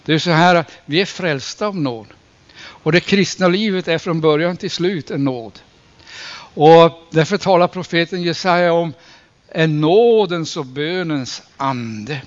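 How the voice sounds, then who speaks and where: Preacher, male, slightly raised pitch, earnest and deliberate, dull lo-fi recording. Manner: earnest, slows and stresses key phrases, rises when quoting scripture. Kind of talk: sermon.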